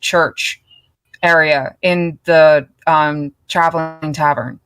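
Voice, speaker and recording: A woman playing a tabletop game, chatting casually with quick laughing asides. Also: low-pitched, fairly even intonation, fairly bright tone. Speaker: player.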